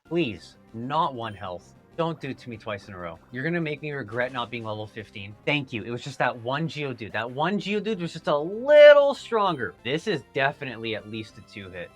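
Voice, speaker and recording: A man hosting a video game playthrough, talking to the game as he plays, grumbling one moment and excited the next. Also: medium pitch. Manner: animated, talks to the game, swings between grumbling and excited. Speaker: gaming channel host. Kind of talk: let's play commentary.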